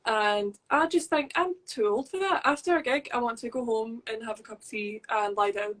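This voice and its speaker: A woman's voice: on the high side, normal speed, a bit bright, rough recording. A woman guesting on a podcast, chatting casually and poking fun at herself. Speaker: podcast guest and host of another show. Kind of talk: casual chat.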